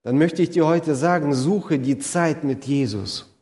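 Slow, high-voiced preacher in echoing hall. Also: male voice, mellow. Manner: earnest, addresses listeners directly, retells stories vividly. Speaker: pastor. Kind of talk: sermon. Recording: long hall reverb.

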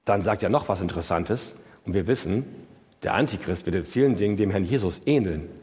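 Man, preacher, sermon, lively swinging pitch, long hall reverb. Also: fairly quick. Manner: emphatic, swings from loud high outbursts to low quiet asides; addresses listeners directly with rhetorical questions.

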